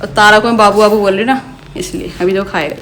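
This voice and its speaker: Bright, sing-song woman talking to her parrots. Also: medium pitch, steady tone, fast, faint music behind. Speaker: pet vlogger. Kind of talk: casual vlog narration. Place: indoors at home. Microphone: phone held in hand.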